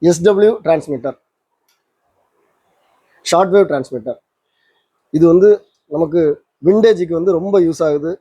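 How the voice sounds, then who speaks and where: The presenter of a vintage radio repair channel gives an informal hands-on demonstration, explaining conversationally and often rephrasing his points. His voice is on the high side, mellow and husky, at normal speed with long pauses. The recording has a roomy echo and a slightly dull lo-fi sound.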